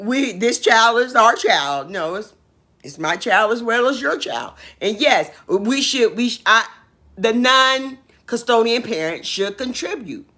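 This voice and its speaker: A woman's voice: on the high side, sharp tone. A woman hosting a casual opinion livestream, reading viewer comments aloud and answering them emphatically, often repeating her points and asking questions.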